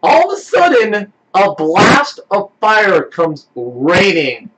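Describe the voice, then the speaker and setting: Animated high-voiced game master, a man. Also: takes it slowly, background noise. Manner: animated, laughing, lively pitch swings. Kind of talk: narrating a tabletop game.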